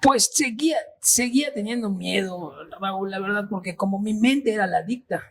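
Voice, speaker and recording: A man in his thirties speaks as an interview guest, recounting his own experience. He talks earnestly but haltingly, restarting phrases as he searches for words. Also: high voice, a bit bright. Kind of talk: personal testimony in interview.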